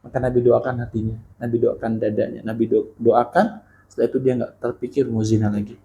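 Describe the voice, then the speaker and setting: A man's voice: medium pitch, fast talker, vocal fry, lo-fi sound. A male Islamic teacher giving a casual sermon to young people. He talks in a slangy, colloquial way and keeps firing questions at his listeners. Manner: animated, keeps quizzing the audience.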